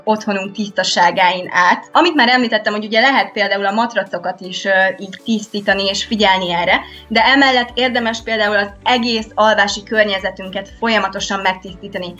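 A woman answering interview questions as a sleep expert, calmly explaining and giving practical tips. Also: mid-range voice. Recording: dull lo-fi sound with faint music.

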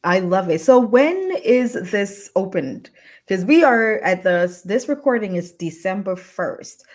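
A woman hosts a casual live-streamed interview with a bubbly, effusive manner. Her voice sits at a middling pitch and she laughs easily. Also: expressive, measured pace. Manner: upbeat and effusive, laughs often.

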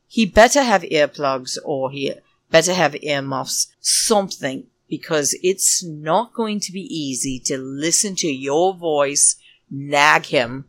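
A woman's voice: on the low side, no echo. A woman hosting a solo podcast, giving a sarcastic, catty, ranting recap. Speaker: podcast host.

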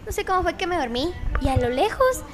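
Animated high-voiced woman telling a story. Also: fairly quick, loud music behind the voice. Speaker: kindergarten teacher and podcast guest. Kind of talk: casual storytelling chat.

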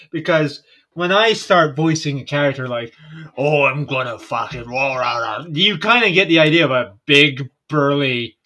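A man's voice: on the high side, bright, forceful tone. A man co-hosting a podcast in casual chat, joking and swearing with plenty of laughter. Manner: jokey, swears, laughs a lot. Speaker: podcast co-host.

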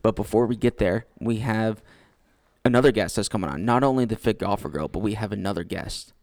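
A man's voice: fairly low pitch, brisk, a little mellow, dry recording. A man co-hosting a casual podcast, answering with dry wisecracks and short reactions. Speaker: podcast co-host.

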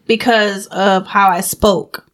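A young adult woman co-hosting a podcast, telling stories in a relaxed, casual way and laughing easily. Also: mid-range voice, slow. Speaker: podcast co-host. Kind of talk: casual chat.

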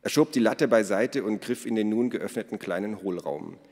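A man narrating a children's story in a lively storytelling way. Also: fairly low pitch, moderate pace. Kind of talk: audiobook reading. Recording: long reverb.

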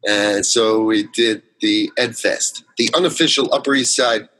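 In a casual interview, a man talks as a guest about his one-man theater shows, rambling through long stories full of fillers and false starts. He speaks on the low side with a steady, unhurried, sharp tone, over a rough recording.

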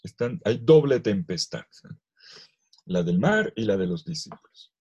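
A priest giving a scripture lesson to clergy, reading aloud with expressive emphasis and acting out the quoted lines. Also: male voice, lowish voice, a little slow, breathy edge, muffled recording.

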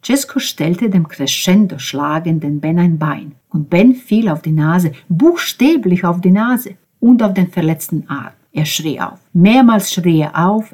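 Husky low-voiced woman reading a novel. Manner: measured, expressive reading, dropping to soft asides. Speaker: audiobook narrator.

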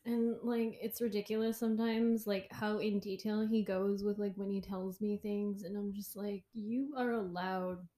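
In an echoey room, a woman co-hosting a podcast chats casually in a warm, mid-range voice with a level tone. She rambles at a moderate pace with hardly any pauses, using lots of fillers and laughing along.

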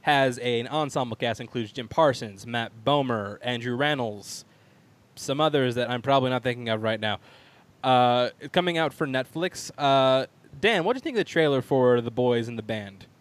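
A man's voice: medium pitch, moderate pace. A man hosting a casual entertainment talk show, introducing and chatting in an informal way. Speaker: podcast host.

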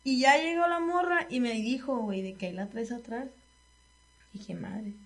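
A woman's voice: fairly high pitch, expressive, moderate pace. A young woman with a Mexican accent, co-hosting a podcast and telling a story in casual, slangy, emphatic chat. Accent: Mexican Spanish. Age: young adult. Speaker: podcast co-host.

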